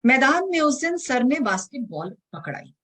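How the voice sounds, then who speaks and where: A woman poet reciting her own spoken word poetry for an online event, mixing casual talk with dramatic delivery that swings between hushed and loud lines. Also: high voice, big pitch swings, normal speed, poor audio. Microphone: video call.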